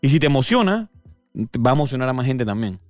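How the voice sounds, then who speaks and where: Productor panameño que titubea y repite. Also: male voice, medium pitch, very animated, darkish tone, no room sound, faint music behind. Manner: halting, repeats words when thinking. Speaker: music producer guest. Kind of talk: casual interview conversation.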